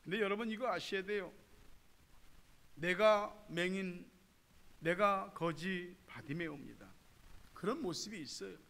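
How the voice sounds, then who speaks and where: A man preaching a sermon as pastor, swinging from hushed, quiet lines to loud, impassioned ones. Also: high-pitched, a little slow, vocal fry, pauses often, in a large hall. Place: church sanctuary.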